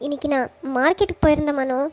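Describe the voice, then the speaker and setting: A woman's voice: sits high, racing, darkish tone, natural voice. A woman voicing a hurt mother in a Tamil cartoon, talking in an emotional, pleading way. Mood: upset.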